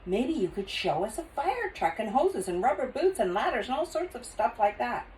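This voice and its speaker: A woman's voice: on the high side, sing-song, normal speed, a little mellow, far from the mic, slight background noise, pitched above the performer's own voice, rough recording. An older woman voicing an anxious, rambling little boy in a grandmotherly storybook reading. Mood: hesitant. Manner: rambling, unsure, grandmotherly read-aloud.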